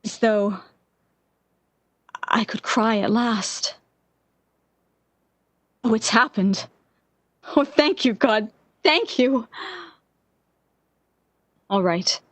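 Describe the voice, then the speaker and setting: With fervent relief, a woman performs an obsessive, distraught lovesick character for a 1940s-style radio drama. The delivery stays intense, halting and theatrical, at medium pitch with no room sound.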